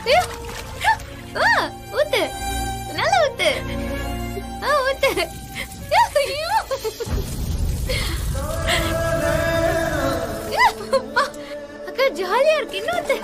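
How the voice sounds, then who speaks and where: A dazed, woozy young woman. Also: very high-pitched. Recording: TV drama with loud background music.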